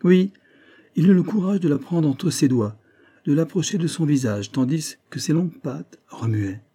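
A man's voice: mid-range voice, moderate pace, mellow, breathy edge. A man voicing an emphatic male investigator who lays out the truth of a crime, his voice raised and pressing. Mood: probing. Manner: emphatic, probing, raised and tense. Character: sharp, insistent male investigator unveiling a crime.

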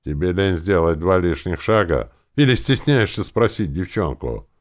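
A man's voice: deep voice, sing-song, moderate pace, darkish tone, voice pushed up, heavily acted. A man voicing a grumpy, foul-mouthed male elf druid who grumbles and bursts out in irritation, in an audiobook. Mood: grumbling. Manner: gruff, swearing, exasperated outbursts. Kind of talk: audiobook character voice.

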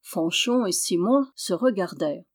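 A woman reading a historical novel aloud as a volunteer audiobook narrator, with steady, expressive storytelling. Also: on the low side, measured pace. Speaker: audiobook reader. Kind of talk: literary narration.

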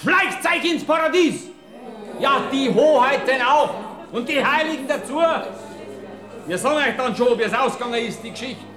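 A man's voice: very high-pitched, expressive, normal speed. A man playing a stern, bossy archangel in a radio play, commanding and scolding in a Bavarian accent. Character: stern, bossy male archangel, strict about order. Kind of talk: German dialect radio play. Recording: echoey, music behind.

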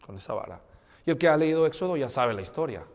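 Preacher in a reverberant hall. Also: male voice, fast talker. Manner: expressive, rising to loud emphasis and dropping low; asks the listeners questions. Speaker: preacher teaching the Bible. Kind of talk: sermon.

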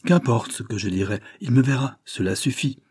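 A man's voice: mid-range voice, animated, normal speed, a little mellow, husky, dry recording, studio quality, pitched above the performer's own voice. A man voicing a scheming, proud young society widow in an audiobook, speaking in a brooding monologue.

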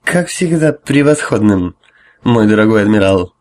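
A man voicing a drunk, arrogant high priest who drawls and hesitates. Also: lively intonation, normal speed. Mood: sneering. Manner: slurred, drawling, with hiccups and hesitations.

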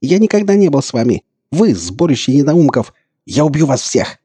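A man voicing a crazed, fanatical male elf stalker who hisses and shrieks threats, his voice pitched well above the narrator's own. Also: unhurried, vocal fry, dark tone, in a large hall. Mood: frenzied shouting.

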